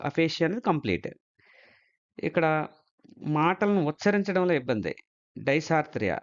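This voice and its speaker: A man's voice: mid-range voice, muffled recording. A man teaching an exam-prep lesson, explaining step by step and mixing English terms into his talk.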